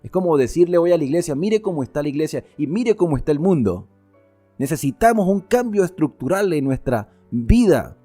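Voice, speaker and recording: A man expounds scripture with a warm, mellow voice and a lively, swinging delivery, rising to fervent appeals and dropping to quiet emphasis. Faint music plays softly underneath his teaching. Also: a little high, brisk. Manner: animated, shifts between fervent exhortation and quiet emphasis. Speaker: Bible teacher. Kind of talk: Bible study explanation.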